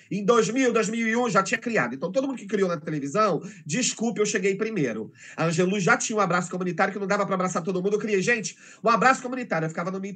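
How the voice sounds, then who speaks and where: Man, Brazilian accent, high voice, animated storyteller, emotional, middle-aged. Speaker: teacher, interview guest. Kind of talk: casual storytelling conversation.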